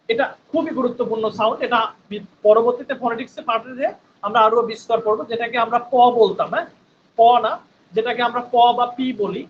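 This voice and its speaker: A man's voice: extremely high pitch, a bit bright, muffled recording, slight background noise. A man teaching an online spoken English class, patient and repetitive, often checking in with his students. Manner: patient, repeats sounds slowly, checks in with "right?". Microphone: headphones on a video call.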